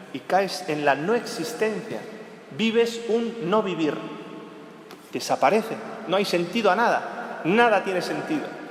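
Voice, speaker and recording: Emphatic priest preaching in an echoey church. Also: male voice, a little hiss or hum. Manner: emphatic, swinging between raised urgent phrases and low quiet ones; preaches in short repeated clauses addressed to the listener. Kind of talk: weekday homily. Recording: echoey church hall with long reverb.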